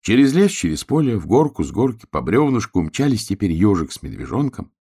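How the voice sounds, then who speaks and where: A man narrating a children's fairy tale in a lively, expressive storybook manner. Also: fairly low pitch, brisk, creaky, breathy edge.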